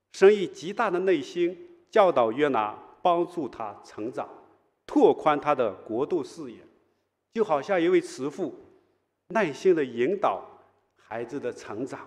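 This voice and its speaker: A man preaching with a lively, swooping delivery, retelling the story and pausing to ask his listeners rhetorical questions. His voice sits a touch higher than most men's. It rings out in a hall with a long reverb tail. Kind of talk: sermon teaching.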